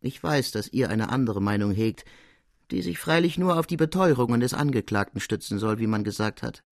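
A man's voice: mid-range voice, expressive, a little fast, creaky, dry recording, studio quality. A man doing a proud soldierly officer. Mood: firm. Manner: firm, emphatic confession. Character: proud middle-aged male officer, soldierly and frank.

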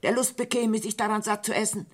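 An actress playing a sharp, sceptical sister in a surreal radio play, reproachful and insistent, with a husky voice. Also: female voice, mid-range voice, little pitch movement, brisk, close to an everyday voice.

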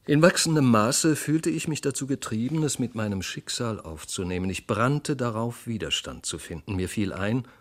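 A man reading a classic story aloud as a radio audiobook, narrating in the first person with dramatic, expressive delivery. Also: mid-range voice, moderate pace, few pauses. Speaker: audiobook reader. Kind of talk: scripted literary narration.

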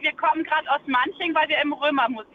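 Parent on a car speakerphone, hurried. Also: high voice, fairly even intonation, phone-quality sound. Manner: hurried, instructing a child. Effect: heard over a car speakerphone on a phone-in line. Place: moving car.

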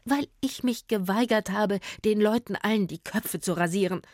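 A woman's voice: mid-range voice, normal speed, a little mellow, no echo, clean studio sound, lightly acted. A woman voicing a proud, indignant hairdresser in a children's audio story. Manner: indignant, theatrical.

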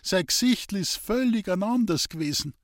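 A man's voice: high-pitched, expressive, moderate pace, no room sound, studio quality, pitched above the performer's own voice. A man voicing Hans Peter, an anxious, sickly young farmhand, pleading in a dialect.

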